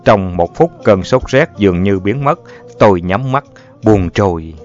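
A man's voice: fairly low pitch, animated, unhurried. A man narrating a first-person story in a lyrical, emotive manner. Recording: dull lo-fi audio, faint music.

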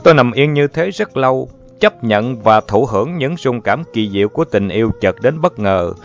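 A man's voice: mid-range voice, animated. Man reading a lyrical first-person story. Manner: lyrical, slow and emotive. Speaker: narrator. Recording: dull lo-fi audio, faint music.

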